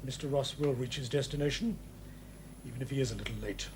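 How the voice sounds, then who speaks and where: A man's voice: mid-range voice, quick pace, close to an everyday voice. An actor playing a cool, sardonic man in command, an intelligence officer in a television spy drama. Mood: cool, mocking. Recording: vintage TV soundtrack, faint noise.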